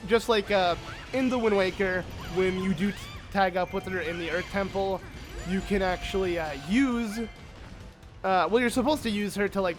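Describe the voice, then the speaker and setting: A let's play host who is sick speaks in a high, slightly hoarse voice. His gameplay commentary is excitable and rambling, packed with fillers.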